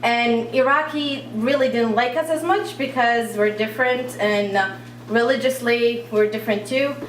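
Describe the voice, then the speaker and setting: A young woman, a native Arabic speaker who grew up in Iraq, telling her own story on a cafe stage, talkative and halting with lots of fillers. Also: a little high. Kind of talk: live personal storytelling. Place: cafe stage at a live event. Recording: roomy cafe, speaker far from mic.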